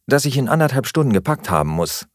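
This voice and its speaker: A man's voice: mid-range voice, very animated, dry recording, clean studio sound, pitched above the performer's own voice, natural voice. A man doing a flustered young woman in a rush. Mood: hurried. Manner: hurried and pleading.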